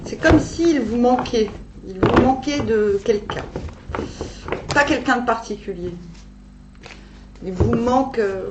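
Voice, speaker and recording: An echoey, slightly dull recording of a woman reading tarot for her viewers with a retainer in her mouth. She takes her time, pausing to think aloud and rephrase as she goes. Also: a little high. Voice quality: speaking with a dental retainer in. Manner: halting, thinking aloud with pauses and self-corrections. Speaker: tarot reader. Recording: echoey room, dull sound, faint hum.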